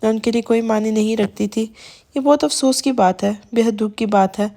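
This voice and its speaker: A woman's voice: a little high, warm tone, lightly acted. A woman voicing a hurt young wife who speaks in a pleading, broken way with trailing phrases. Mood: heartbroken.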